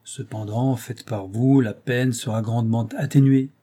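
A man reading an audiobook, voicing a polite, cunning gentleman detective who speaks courteously and with insinuation. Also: mid-range voice, steady tone, a little slow, close to an everyday voice.

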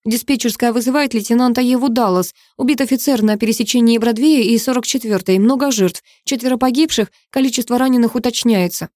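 A woman reading the part of a police dispatcher giving a flat, formal report. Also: a little high, fairly quick, hardly any pauses, dry recording, clean studio sound, close to an everyday voice.

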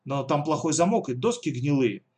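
A jittery, whining storybook henchman whose voice jumps up high when he is scared, as a man reading the tale puts him on. He sounds meek and nervous. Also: expressive, normal speed, darkish tone, lightly acted. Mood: worried. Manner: timid, whiny. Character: cowardly red-haired male accomplice.

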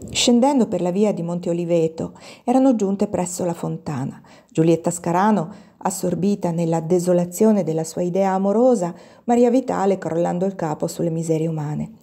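A woman reading an audiobook in a calm, measured way, with slow pauses. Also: fairly low pitch. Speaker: audiobook reader. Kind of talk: audiobook narration.

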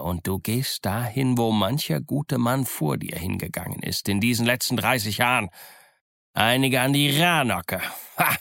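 A man's voice: lowish voice, creaky, a bit bright, no echo, clean studio sound. A man voicing a scheming old one-legged pirate captain who growls threats and mocks his crew. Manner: growling threats, mocking and commanding. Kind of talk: audiobook character voice.

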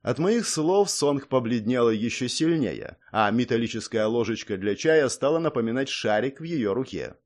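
A man reading a first-person novel aloud in a measured way, with a dry, ironic edge. His pitch rises and falls a lot, which keeps the narration animated. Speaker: audiobook narrator.

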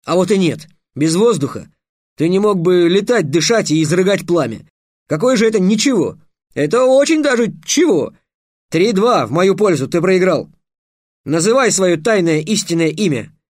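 A man voicing an excitable clever boy apprentice who talks high and agitated. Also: moderate pace, dry recording, studio quality. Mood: excited.

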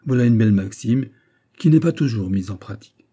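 Audiobook: man doing a shrewd musketeer, dry and amused; dark, husky tone. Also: on the low side, animated, fairly quick. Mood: wry. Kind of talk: audiobook character voice.

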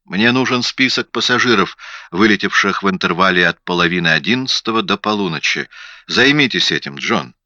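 A brisk, probing male investigator, as an audiobook reader plays him with a low, bright and forceful voice. He fires off questions with quiet authority. The recording is dry and slightly dull. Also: animated, no room sound, full character voice. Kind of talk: audiobook character reading.

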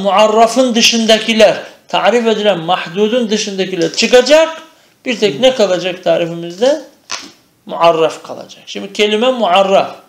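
A man teaching Arabic grammar in a traditional madrasa-style lecture, asking questions and answering them himself. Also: sits high. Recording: echoey room.

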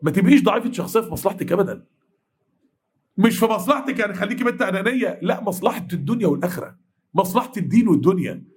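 Rapid-fire Egyptian preacher. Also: male voice, sits high, husky. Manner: animated, acts out dialogue, blunt advice. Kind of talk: mosque lesson.

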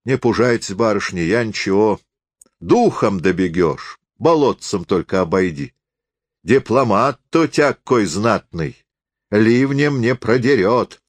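A man's voice: on the low side, animated, a little slow, no echo, voice pushed up. A man voicing a coarse, crafty peasant forester who talks in a jeering folksy drawl. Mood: coaxing.

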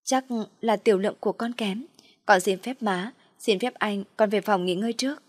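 A woman voicing a scheming young daughter who talks softly and pretends to be innocent. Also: mid-range voice, moderate pace, no room sound, studio quality, close to an everyday voice. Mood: meek. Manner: soft, pleading, feigned meekness.

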